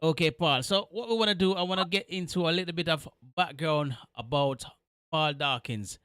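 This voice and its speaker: A man's voice: on the high side, normal speed, a bit bright, clear, resonant tone, no room sound. A man hosting a live radio interview, friendly and chatty, with many fillers and repeated thanks. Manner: friendly, repeats himself, lots of fillers and big-ups. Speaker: radio show host.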